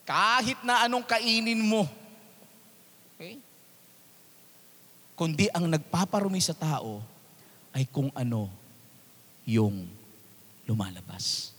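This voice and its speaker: A man preaching as a pastor, mixing Tagalog and English and swinging between loud, emphatic preaching and quiet asides. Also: sits high, in a large hall. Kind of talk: sermon.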